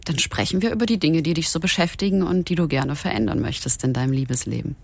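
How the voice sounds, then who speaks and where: Frank woman therapist, gravelly edge. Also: sits low, quick pace, darkish tone, dry recording. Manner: frank, upbeat, direct. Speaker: sex therapist. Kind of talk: radio interview guest.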